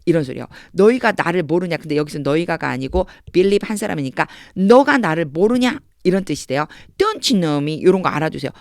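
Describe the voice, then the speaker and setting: A female tutor leads a Bible-based English reading lesson, explaining patiently, reading English phrases slowly with stress, and acting out quoted lines with lively emphasis. Her voice is deep and gravelly, recorded in studio quality with no echo.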